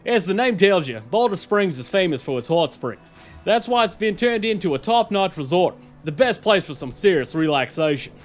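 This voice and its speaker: A man's voice: high voice, big pitch swings, normal speed, few pauses. A man performing as a chummy, adventurous Australian nature documentary presenter, colloquial and enthusiastic. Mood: relieved, delighted. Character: cheerful, adventurous Australian male wildlife presenter. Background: music.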